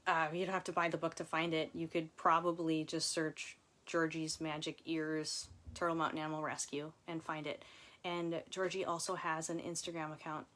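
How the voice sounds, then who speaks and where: On a relaxed livestream, this author reads from her own book and chats informally with viewers. Her voice sits low and sounds a bit bright, delivered flatly at a moderate pace.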